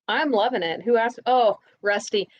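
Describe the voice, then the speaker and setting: A woman's voice: on the high side, moderate pace, lo-fi sound. A woman in her thirties resting at home, casually chatting on a livestream and reading viewer comments aloud. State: recovering, resting in bed. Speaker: livestream co-host.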